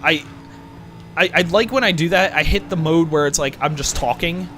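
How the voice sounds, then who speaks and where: A man's voice: on the high side, moderate pace, fairly bright tone, a little hiss or hum. A young man rambling casually as he plays through a racing game, questioning himself and swearing now and then. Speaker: gaming channel host. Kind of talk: rambling let's-play commentary.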